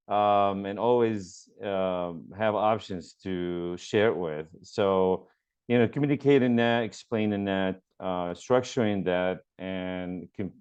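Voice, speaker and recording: Here the Lebanese mortgage broker is heard in lo-fi sound, his voice on the low side, a little mellow and clean in tone. Speaking remotely as an interview guest, he answers earnestly and fills pauses with many ums and uhs in a conversational interview.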